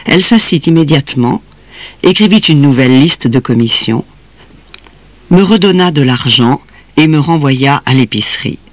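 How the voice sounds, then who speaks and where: A man reading a children's story aloud in an expressive, measured way. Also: fairly high pitch, no echo. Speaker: reader.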